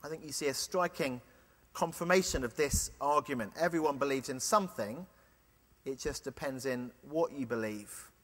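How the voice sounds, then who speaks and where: A man preaching a sermon, earnest, with playful illustrations and quiet emphasis. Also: mid-range voice, normal speed. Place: large church. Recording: long church reverb.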